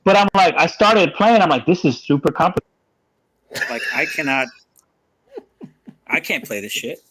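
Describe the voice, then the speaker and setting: A man's voice: on the high side, expressive, moderate pace, a bit bright, husky, low-quality recording. A man chatting casually as a guest over a video call, rambling with lots of fillers and laid-back slang. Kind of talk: casual chat.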